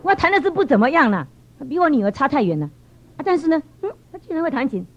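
Lady telling her church testimony, high voice, super expressive, kinda muffled recording. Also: fast. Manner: animated, expressive storyteller. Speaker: church member giving testimony. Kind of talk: storytelling testimony. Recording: dull lo-fi sound.

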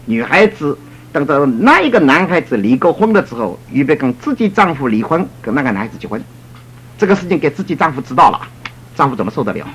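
A middle-aged man, a church elder, telling a story in a sermon in an animated way and acting out the people he quotes. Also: fairly high pitch, fast talker, husky. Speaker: church elder giving a talk.

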